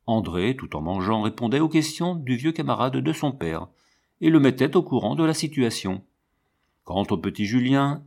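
A man narrating a classic children's novel as an audiobook, in a steady, measured storytelling manner. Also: on the low side.

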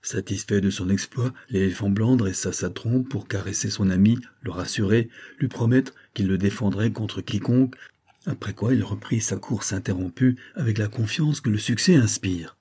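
A man reading an adventure novel aloud as an audiobook narrator, measured and dramatic. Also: lowish voice, dark tone, husky.

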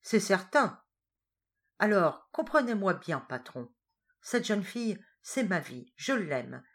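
A woman's voice: mid-range voice, big pitch swings, takes it slowly, full character voice. A woman voicing a young male journalist who pleads with fervent urgency in a storybook reading. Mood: desperate.

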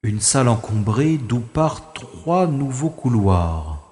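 A man with a medium-pitched, sing-song, slightly mellow voice speaks slowly, sounding puzzled and searching. He plays a wry, gallant adventurer rescuing a young woman in a French-language audio drama, narrating formally in the first person and thinking aloud. The recording has a long echoey reverb with music behind it.

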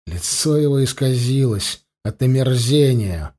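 A man narrating a fantasy audiobook in a measured, dramatic reading. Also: medium pitch, animated, mellow.

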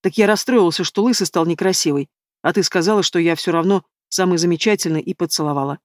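A man's voice: high voice, fast talker, dry recording, natural voice. A woman voicing a young man in an audiobook, a teasing and easygoing best friend, recorded dry and close. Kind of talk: audiobook character dialogue.

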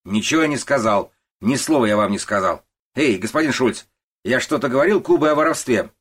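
A man voicing an angry, bullying warehouse boss who shouts and scolds his workers. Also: mid-range voice, lively intonation, brisk, husky, pitched above the performer's own voice. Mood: angry, bossy. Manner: loud and scolding.

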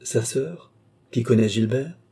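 A man voicing a courteous gentleman scholar who reassures politely, in a storybook reading. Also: medium pitch, a little slow, husky, pitched above the performer's own voice. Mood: reassuring.

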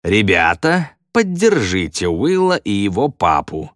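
A man voicing a smug stage magician with a slow, drawn-out, mocking showman delivery in a storybook reading. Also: fairly low pitch, sing-song, a bit bright, no echo, clean studio sound.

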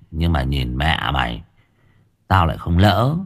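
A sly, domineering young exorcist, as a male narrator puts him on, sweet-talking one moment and threatening the next. His voice is very low and husky, with a lively, swinging pitch. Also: slow pace, full character voice. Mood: menacing.

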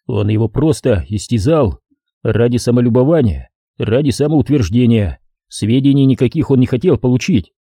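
A man narrating a first-person war story as an audiobook reader, in steady storytelling. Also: medium pitch, moderate pace, dry recording, studio quality. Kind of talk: audiobook reading.

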